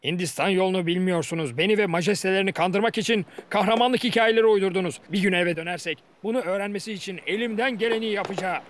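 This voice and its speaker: A man's voice: high-pitched, fast talker, hardly any pauses, a little hiss or hum, natural voice. A man voicing a blunt, defiant cartoon ship captain. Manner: forceful, confrontational. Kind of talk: dubbed cartoon acting. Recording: music behind the voice.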